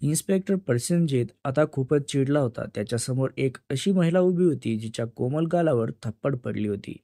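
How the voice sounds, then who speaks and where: A man narrating a dramatic story in a steady storytelling manner. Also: medium pitch, fairly quick, no room sound, studio quality.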